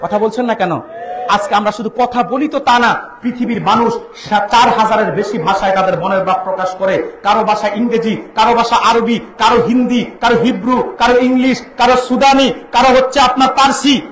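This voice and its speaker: A man preaching an impassioned sermon to a large gathering, calling out questions to the crowd and rising into shouts and chanted verses. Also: very high-pitched, moderate pace. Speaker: Islamic preacher. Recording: echoey amplified venue.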